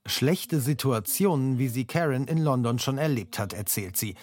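A man narrating a scripted TV news report in a measured, factual manner. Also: medium pitch, animated, darkish tone.

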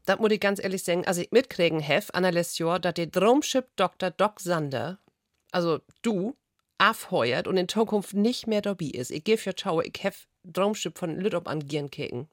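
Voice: medium pitch, animated, normal speed, no room sound, clean studio sound. A talk-show host interviewing a guest in a chatty, familiar way. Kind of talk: interview questions.

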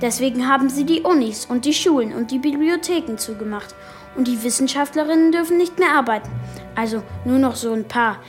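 Woman as a nervous, high-voiced boy superhero, rambling and stammering, for a kids' radio play. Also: soft background music, natural voice. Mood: explaining. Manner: stammering, talks fast and rambles when nervous.

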